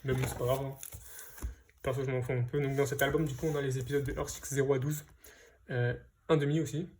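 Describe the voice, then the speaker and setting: A man's voice: mid-range voice, level tone, fast, a little mellow, a little hiss or hum. A man casually presenting his comic book purchases to viewers, hesitant, with lots of fillers and restarts. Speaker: comic book collector vlogger. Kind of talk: casual unboxing chat.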